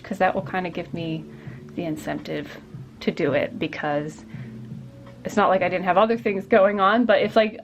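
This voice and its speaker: Rambling woman artist chatting while painting. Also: medium pitch. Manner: rambling, many fillers and restarts. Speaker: artist and vlogger. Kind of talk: casual vlog chat while painting. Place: home art studio.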